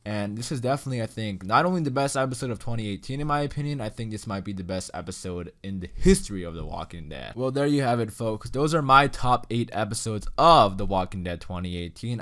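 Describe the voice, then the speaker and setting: A man's voice: medium pitch, lively intonation, fast talker, few pauses, fairly bright tone. A young man giving a casual, enthusiastic ranking commentary, full of "you know" and "like.". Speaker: YouTube reviewer.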